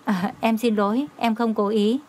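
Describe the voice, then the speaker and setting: A woman voicing an affectionate young woman who talks softly and coaxingly, often slowly. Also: fairly high pitch, steady tone, lightly acted. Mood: apologetic. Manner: soft, coaxing.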